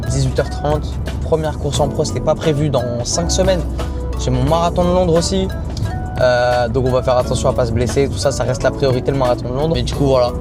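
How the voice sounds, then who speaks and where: A young man chatting casually as a vlogger, teasing and repeating himself in street slang. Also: medium pitch. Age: young adult. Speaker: vlogger, amateur athlete and coach. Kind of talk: casual vlog chat. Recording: music behind the voice. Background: music.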